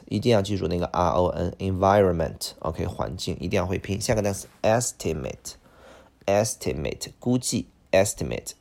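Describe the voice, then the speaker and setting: A man's voice: low voice, creaky, darkish tone. A man with a Mandarin Chinese accent teaching English vocabulary for an exam, switching between Chinese and English and repeating each word several times. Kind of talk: IELTS vocabulary lesson.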